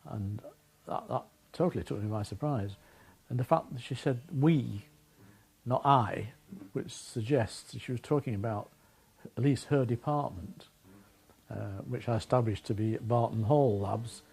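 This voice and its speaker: A man answering interview questions as an investigator of animal deaths, recounting events in a measured way with frequent restarts. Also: medium pitch, creaky, mellow, slightly rough, poor audio.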